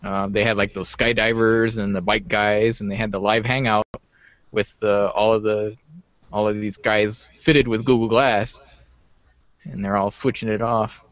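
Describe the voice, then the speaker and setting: A man's voice: lowish voice, level tone, moderate pace, a bit bright, no room sound. Male co-host, laid-back casual tech chat, dry close sound. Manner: laid-back, laughs often. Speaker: podcast co-host.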